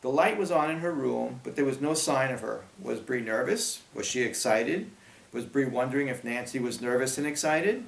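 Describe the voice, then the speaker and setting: Brief: male narrator, mid pitch, gravelly, reading in an echoey room. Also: normal speed. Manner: steady storytelling. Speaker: audiobook narrator. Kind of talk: scripted narration. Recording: roomy echo.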